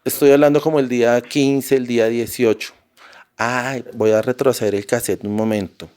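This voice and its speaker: A man's voice: mid-range voice, steady tone, moderate pace, darkish tone, clear, resonant tone. A Colombian man, a podcast guest, tells a personal story in a vivid, intense way with frequent restarts. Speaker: interview guest.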